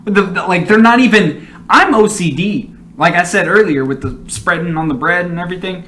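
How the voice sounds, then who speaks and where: A man hosts a reaction video, delivering casual, rambling commentary full of profanity and strong opinions, often breaking into easy laughter. His voice is high, brisk, and sharp, with a little hiss or hum in the recording.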